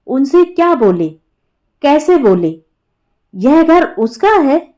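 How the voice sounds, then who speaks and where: A woman narrating an audiobook story in a measured, expressive way. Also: on the high side. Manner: slow and measured.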